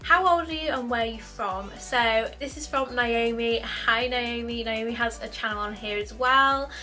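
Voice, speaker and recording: A woman's voice: on the high side, normal speed, music in the background. A young woman in her twenties from the UK, chatting casually to camera in a Q&A, upbeat and repeating herself often. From United Kingdom. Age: 20s. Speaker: YouTuber.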